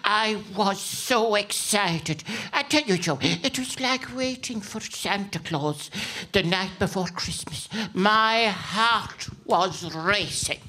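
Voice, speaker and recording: A performer voicing a cantankerous, chatty old Irish president in a radio comedy impression, with an Irish accent. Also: female voice, medium pitch, slow pace, few pauses, rough recording. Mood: gushing, excited. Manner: grumbling, chatty, excitable.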